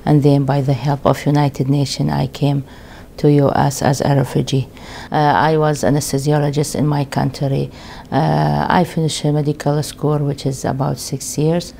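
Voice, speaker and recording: A woman's voice: low-pitched, level tone, moderate pace, creaky, mellow, a little hiss or hum. A middle-aged woman from Iraq with an Iraqi accent, speaking hesitantly with many fillers in a documentary interview. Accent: Iraqi Arabic. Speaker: refugee doctor interviewee. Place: indoor room with window.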